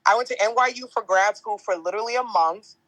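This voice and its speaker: A young woman hosts an entertainment podcast, chatting in a casual interview style, laughing often and telling stories in slangy talk. Her natural voice is deeper yet a bit bright, and she talks quickly; the recording is low-quality with no room sound.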